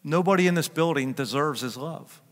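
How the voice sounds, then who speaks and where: Older man, pastor, preaching a sermon, conversational then emphatic, slightly high voice, long church reverb. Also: normal speed. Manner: conversational, joking with the congregation, builds to loud emphatic peaks. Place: church sanctuary.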